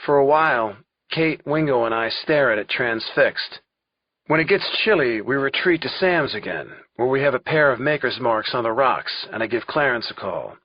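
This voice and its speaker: Husky male thriller narrator. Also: medium pitch, animated, moderate pace, no echo. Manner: wry, conversational first-person telling. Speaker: audiobook narrator. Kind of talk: first-person thriller narration. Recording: dull lo-fi recording.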